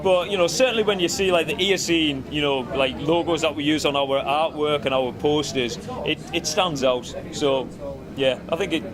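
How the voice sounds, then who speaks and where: A man's voice: a little high, normal speed. A man with a Cumbrian accent, a band musician giving a casual interview in a rambling way, often saying "you know". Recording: busy crowd chatter around. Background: crowd chatter at a live event.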